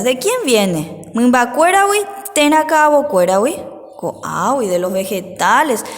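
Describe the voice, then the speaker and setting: Slow-paced woman teacher, high voice. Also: long reverb tail. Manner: slow, patient, repeats words for pupils. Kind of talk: remote class lesson.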